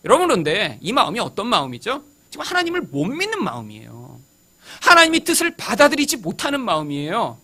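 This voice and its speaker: 교회에서 설교하는 남성 목사로, 회중에게 자주 질문을 던지고 기도와 성경 구절 속 말을 직접 연기하듯 들려준다. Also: male voice, high voice, huge pitch swings, fast, bright, forceful tone. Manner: asks the congregation questions, acts out quoted prayers. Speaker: pastor. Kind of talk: sermon.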